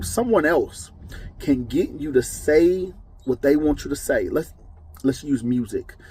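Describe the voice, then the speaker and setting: Mellow-voiced man giving casual Bible teaching. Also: medium pitch, slightly rough, low-quality recording. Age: adult with children. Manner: conversational, with frequent "okay?" and "um"; emphatic, moralizing. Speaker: preacher.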